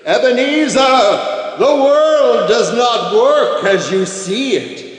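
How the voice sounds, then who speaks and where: An actor playing a solemn, knowing Christmas spirit in a radio play, stately and declamatory. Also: male voice, very high-pitched, lively intonation, takes it slowly, full character voice. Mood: grave. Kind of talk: live radio play acting. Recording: long echoing reverb over music.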